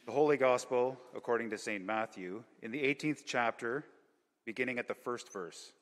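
A man's voice: mid-range voice, moderate pace, a bit bright. A man formally reading the gospel aloud during a church service, heard in a cathedral echo. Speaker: gospel reader. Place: large church.

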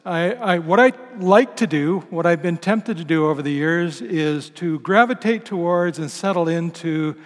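Male preacher, fairly high voice, reflective sermon with searching repetitions, long church reverb. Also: moderate pace, few pauses. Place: large church.

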